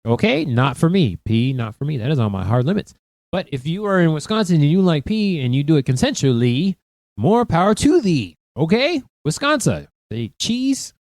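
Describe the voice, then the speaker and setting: A man's voice: on the high side, sing-song, brisk, a little mellow, no echo. A man hosting a solo podcast, chatting casually with wry asides and tangents. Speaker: podcast host.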